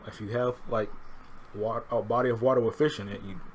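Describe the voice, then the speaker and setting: A man's voice: medium pitch, fairly even intonation, fairly quick, slight background noise. Rambling young man in casual chat. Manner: rambling, many fillers, looks up pronunciations aloud.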